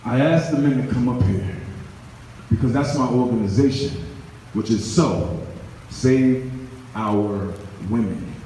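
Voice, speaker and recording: A man's voice: mid-range voice, a little slow, pauses often, warm tone, a little hiss or hum. A man giving an earnest, conversational motivational speech to a live crowd at an event, often repeating his words. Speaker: event speaker. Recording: echoey hall, recorded from far off.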